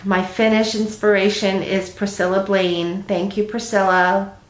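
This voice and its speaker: A middle-aged flosstube host, stuffy with a cold, chats about her stitching at home in a meandering, um-filled way. She speaks at a mid-range pitch with a flat delivery and a measured pace. The audio is poor, with a roomy sound.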